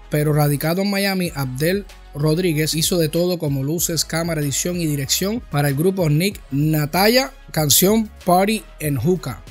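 A man in his thirties hosting a film academy's weekly update, briskly running through names and credits from a home video studio. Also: fairly high pitch. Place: home video studio with monitors and purple lights. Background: faint background music.

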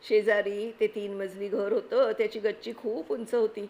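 A woman reading a children's adventure story aloud, with expressive, lively narration. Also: mid-range voice, normal speed, rough recording. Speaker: reader.

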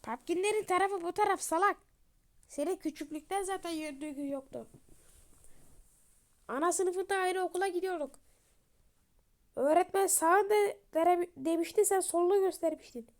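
A woman's voice: extremely high pitch, normal speed, pauses often, pitched above the performer's own voice. A woman voicing a bossy young woman commander who scolds and bosses others in a game story. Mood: scolding.

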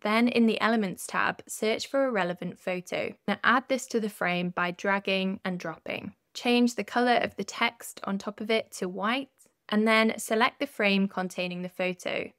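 A woman calmly talking through a design tutorial step by step in a scripted voice-over. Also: mid-range voice, normal speed, no room sound, clean studio sound. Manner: calm, clear step-by-step instructions.

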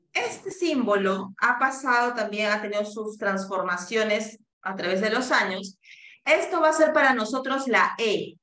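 Lady teacher doing pronunciation drills, super slow, repeats every sound, echoey room. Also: fairly high pitch, fairly bright tone. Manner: slow and deliberate, drawing out each vowel and code-switching to English. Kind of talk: classroom lesson, modeling sounds for students to repeat.

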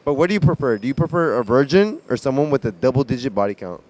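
A man's voice: medium pitch, animated, fast, a little mellow. A man doing playful street interviews at night, a little drunk and slurring, teasing people with questions. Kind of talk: street interview, vox pop.

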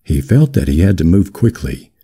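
A man with a deep, firm, very husky voice reads a novel aloud. His delivery is calm, yet his pitch moves in a lively way through the narration. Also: normal speed. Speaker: audiobook reader. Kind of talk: audiobook narration of a literary novel.

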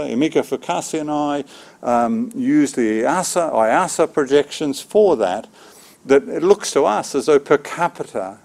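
A man in his sixties, an agricultural economics researcher, delivers a keynote at an academic seminar, lecturing from slides into a podium microphone. His medium-pitched, darkish voice carries vocal fry, and his phrasing is measured and halting. It's indoors in a seminar room with a small audience.

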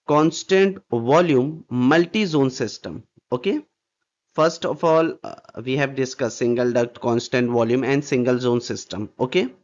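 A man teaches a technical, slide-driven class on air distribution systems as an HVAC instructor, restating ideas and checking in with "okay" and rhetorical questions. His voice is mid-range, and the recording has its highs cut off.

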